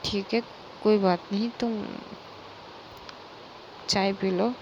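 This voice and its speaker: A woman voicing a gentle, concerned older brother in a Hindi story retelling, barely changing her own voice. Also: medium pitch, fairly even intonation, slow pace, dull audio, a little hiss or hum. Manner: gentle, coaxing.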